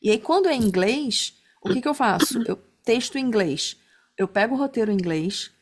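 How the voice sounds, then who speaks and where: A woman's voice: a little high, expressive, a little fast. Chatty woman teaching a class. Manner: chatty, many fillers like né and tá. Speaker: instructor. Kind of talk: casual online class talk.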